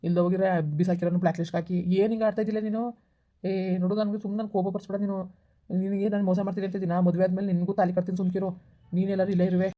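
A woman's voice: mid-range voice, level tone, very fast, lo-fi sound, close to an everyday voice. A woman playing a careless young man who brushes off his girlfriend's calls with mocking irritation in a village comedy skit. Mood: irritated, mocking.

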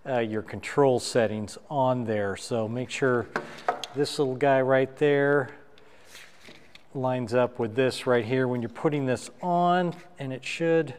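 A middle-aged man demonstrating how to assemble lighting gear at a table in a dark studio, talking as he works. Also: mid-range voice, smooth, in a large hall. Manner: unhurried, talks while assembling gear. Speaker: photographer reviewing gear. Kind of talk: hands-on gear demo. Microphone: wireless lapel mic.

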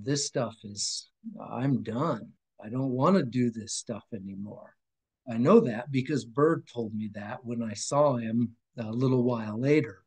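This man in his fifties, a podcast guest, offers an earnest, wandering personal testimony full of emotion, with restarts and sudden volume drops. He has a mid-range, slightly mellow voice and talks through a video call webcam in a room at home with a framed picture on the wall.

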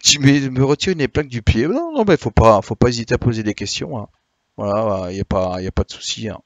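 A man streaming live, chatting casually with viewers, a bit tired, explaining slowly with many hesitations. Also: medium pitch, lively intonation, dry recording. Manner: hesitant, many "euh" and restarts, friendly explaining. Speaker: Twitch streamer.

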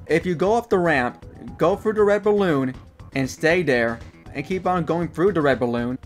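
A young man narrating a gaming trivia video in a casual, wry way, with sarcastic asides. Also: a little high.

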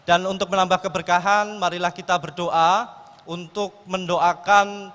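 A man works as MC at a live stage event. His voice is fairly high and comes through with a long hall echo. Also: little pitch movement, normal speed, a bit bright. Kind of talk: stage hosting. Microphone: handheld microphone.

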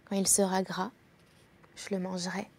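A woman's voice: mid-range voice, little pitch movement, moderate pace, slightly rough. A woman doing a sneering old witch. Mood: commanding. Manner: sneering, sardonic. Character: wicked old child-eating witch, sardonic and greedy.

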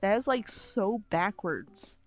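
A young woman chats wryly over her gameplay, talking at a slow, unhurried pace in a mid-range voice. She mutters half to herself, with faint game music behind her. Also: medium pitch, expressive. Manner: wry, chatty, mutters to herself. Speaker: game streamer. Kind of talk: casual gameplay commentary.

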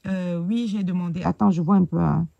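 A woman hosting a casual live stream, talking hesitantly and filling pauses with "euh" while she searches on her phone. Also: lowish voice, fairly even intonation, vocal fry, mellow, dull audio.

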